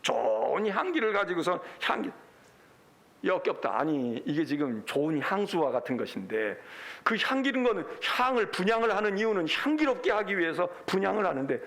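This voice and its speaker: A male pastor preaching a Sunday sermon, acting out God's complaints in an animated, emphatic way. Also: high voice, normal speed, gravelly.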